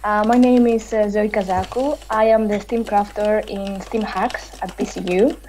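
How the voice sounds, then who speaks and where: A woman's voice: mid-range voice, fairly even intonation, moderate pace, a little mellow, a little hiss or hum, low-quality recording. A woman hosting an online panel discussion over a video call, chatty with many fillers. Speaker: host.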